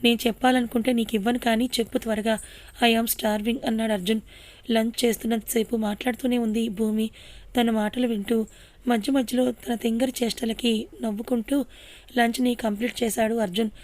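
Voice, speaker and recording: A woman narrating a romantic audio story and speaking each character's lines herself, softly expressive. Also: on the high side, a little fast. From Telugu-speaking India.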